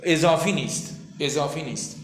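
A man's voice: on the high side, crowd noise. Male teacher in an echoey classroom. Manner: explains patiently, repeats key terms, quizzes students. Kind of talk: classroom literature lesson.

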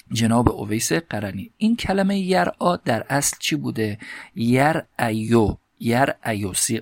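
A man teaching Arabic grammar as a lecture, reciting the Arabic phrases slowly and then explaining each word. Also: medium pitch, dry recording, studio quality. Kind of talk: classroom lecture explaining a text.

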